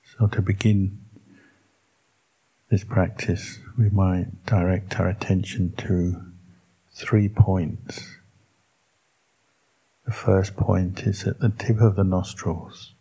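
With a low, dark, husky voice, a man teaching meditation as a Buddhist monk speaks very slowly and calmly. His short phrases are separated by long pauses, and the recording is rough.

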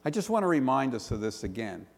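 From the Pittsburgh area of Western Pennsylvania, this male pastor delivers an earnest sermon in a gravelly, mid-range, sing-song voice. He leans on rhetorical questions and slow, emphatic lists, and the large church hall adds a long reverb.

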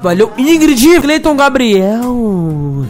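A man from Brazil, a DJ, rattling off crude, rowdy shout-outs over a mix, yelling names and laughing. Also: very high voice, big pitch swings, drawn-out words. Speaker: DJ giving shout-outs on his podcast mix. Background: funk music beat.

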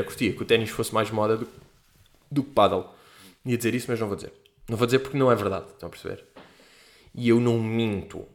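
Animated, slangy Lisbon-sounding guy, twenties. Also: fairly low pitch. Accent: European Portuguese. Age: 20s. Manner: animated, slangy and profane, acts out quoted people. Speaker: podcast host. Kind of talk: casual solo podcast monologue. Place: at home. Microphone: podcast microphone.

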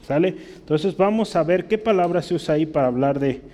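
A pastor delivers a teaching sermon in a fairly high, warm voice at a slightly quick pace, frequently asking the congregation questions to check they're following. A long hall reverb surrounds his voice.

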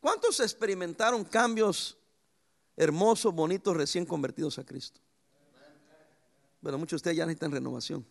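A man preaching a sermon as pastor, lively and anecdotal, with sudden jumps in pitch. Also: moderate pace, creaky, long pauses.

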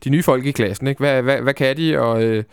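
Smooth-voiced man hosting a casual chat. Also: mid-range voice, dry recording, studio quality. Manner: hesitant, many fillers and restarts. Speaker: podcast host. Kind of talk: casual football podcast chat.

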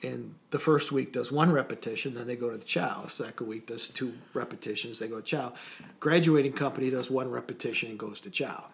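A man with a gravelly, creaky voice spins loose service anecdotes in an easy conversational way. He restarts his sentences, chuckles through the memories and keeps the tone relaxed, as a guest being interviewed. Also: medium pitch, a little fast, slight background noise. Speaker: interview guest, former Coast Guard sailor. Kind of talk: casual storytelling.

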